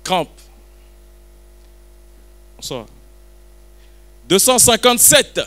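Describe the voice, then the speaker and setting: A man's voice: high voice, big pitch swings, extremely slow, pushed and bright. A man running a live auction at a book launch, calling and repeating bids while teasing the crowd. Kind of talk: joking live auction patter.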